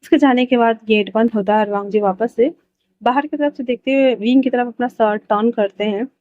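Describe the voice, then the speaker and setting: A woman's voice: on the high side, a little fast, a little mellow, no echo, highs cut off. A woman casually narrating a fan-fiction story in a chatty way, mixing in English words.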